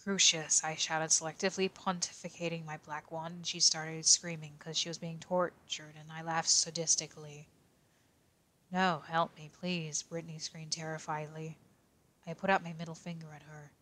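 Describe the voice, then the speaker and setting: Shuichi Saihara, a low flat young detective, as a woman puts him on. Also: moderate pace. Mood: deadpan reading. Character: young male teen detective, quiet and reserved. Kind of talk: in-character reading of a fanfic.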